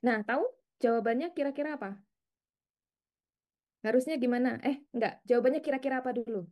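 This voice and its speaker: A woman's voice: high-pitched, a little fast. Chatty coaxing woman lecturer. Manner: lively, chatty, coaxing students, laughing often. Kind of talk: interactive class teaching.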